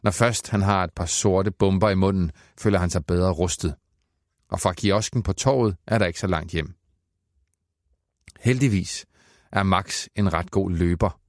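A man narrating a children's audiobook in a playful, expressive way. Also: deep voice, dry recording, studio quality.

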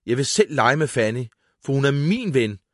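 A man voicing a bossy little boy who is quick to lose his temper, in a children's audiobook. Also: medium pitch, big pitch swings, no echo, studio quality, pitched above the performer's own voice.

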